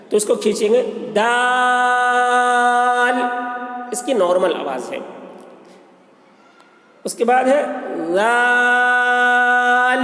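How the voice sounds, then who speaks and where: A man teaching the pronunciation of letters, stretching out each letter in a sung tone between plain explanations. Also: high-pitched. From India. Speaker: Quran reading teacher. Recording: echoey, reverberant room.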